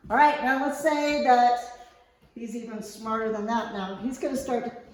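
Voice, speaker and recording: In a very echoey large room, a woman coaches a fencing class, walking through technique step by step and checking in with an informal "okay." Her voice sits a little high and darkish, with a steady tone and moderate pace.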